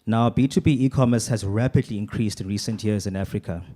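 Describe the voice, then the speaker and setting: A man moderating a panel, giving a formal, measured introduction read from notes. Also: on the low side, dark tone. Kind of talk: scripted event introduction.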